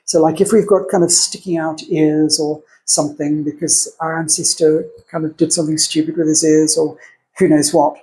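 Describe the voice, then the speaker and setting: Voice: medium pitch, level tone, normal speed, warm tone, low-quality recording. Podcast co-host musing through theology aloud. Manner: thinking aloud, discursive, acts out opposing arguments. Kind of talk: casual theological discussion.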